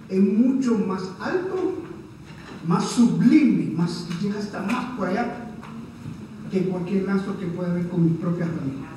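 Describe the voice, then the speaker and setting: Male pastor, earnest sermon, high voice, distant echoey church recording, faint hum. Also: dark tone. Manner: earnest, repeats "¿verdad?" to the congregation. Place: church hall. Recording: echoey church room heard from afar.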